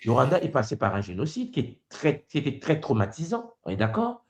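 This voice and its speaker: A man with a lively, rising-and-falling voice hosts a spirited debate. He argues his case at length and presses his guest, often cutting in to steer the talk back to his point. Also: mid-range voice, a little fast. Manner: probing, interrupts to press a point. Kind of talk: conversational debate.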